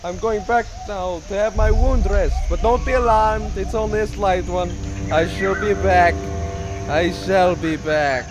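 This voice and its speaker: Man playing an urbane, gloating general, slow and deliberate. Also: high voice. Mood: gloating, amused. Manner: theatrical, condescendingly congratulatory, chuckling. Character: urbane, gloating aristocratic general who hunts men for sport. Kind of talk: radio play acting. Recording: noisy, with night insects behind.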